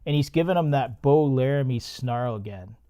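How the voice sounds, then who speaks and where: A man's voice: medium pitch, expressive, moderate pace, warm tone. A man hosting a podcast, recapping and reacting to a movie in a laid-back, profane way. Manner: laid-back, profane, laughs at his own jokes. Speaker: podcast host.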